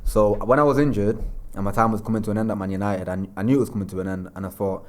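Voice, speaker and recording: A man's voice: lowish voice, steady tone, rapid-fire, darkish tone. A young man, a former footballer, telling stories as a podcast guest in a laid-back way full of slang. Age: young adult. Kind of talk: casual chat.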